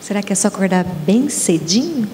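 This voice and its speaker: A woman's voice: medium pitch, expressive, fairly quick, warm tone, slight background noise. A Brazilian woman who puts questions to the host in a light, conversational way. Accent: Brazilian Portuguese. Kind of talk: talk show questions.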